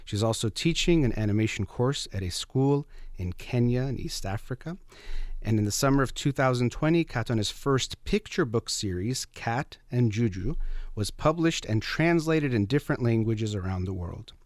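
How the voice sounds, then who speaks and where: A man hosting a radio interview show, giving a measured, formal introduction of his guest. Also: medium pitch, animated, a little mellow, dry recording, studio quality.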